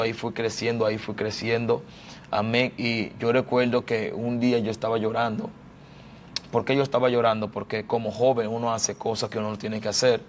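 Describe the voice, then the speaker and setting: A man's voice: medium pitch, a little hiss or hum. A man from the Dominican Republic telling his life story as a prophet and pastor in a church interview, fervent and repeating phrases like a preacher.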